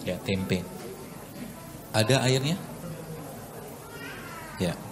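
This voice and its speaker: A man's voice: on the low side, extremely slow. A man, a doctor, giving a chatty, joking live health talk with a cooking demo to an audience in a large hall. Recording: echoey hall with room noise.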